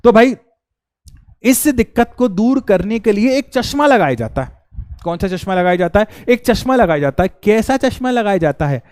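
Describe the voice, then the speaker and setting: High-voiced male teacher quizzing students. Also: big pitch swings, moderate pace, darkish tone, no room sound. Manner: keeps asking the students questions and repeats key terms; addresses students directly, chatty and informal. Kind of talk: live online class lecture.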